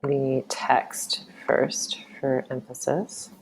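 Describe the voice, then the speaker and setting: A woman teacher narrates a screen-recorded tutorial in a relaxed, thinking-aloud way, full of ums. Her voice sits extremely low with a rough, gravelly edge. She takes her time, speaking at an unhurried pace. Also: a little hiss or hum.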